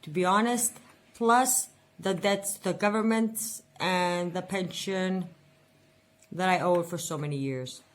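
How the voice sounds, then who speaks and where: A woman in her forties speaks slowly in a fairly low voice, venting and rambling through a casual personal budget vlog. She repeats words for emphasis.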